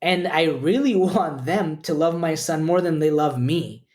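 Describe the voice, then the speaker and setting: A man's voice: fairly high pitch, measured pace, darkish tone. Earnest man from Costa Rica. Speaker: podcast guest. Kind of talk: reflective interview talk.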